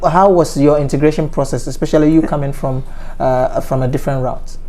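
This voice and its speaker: Mellow-voiced man from Ghana hosting. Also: medium pitch, steady tone. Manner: measured, with frequent fillers and restarts. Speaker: interview host. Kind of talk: casual conversational interview.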